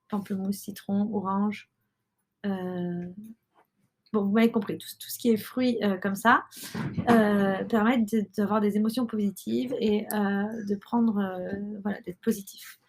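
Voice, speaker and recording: A woman's voice: mid-range voice, a little mellow. A woman, hosting and explaining casually to listeners with frequent hesitations and fillers. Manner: hesitant, many fillers and restarts. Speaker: podcast host and mother.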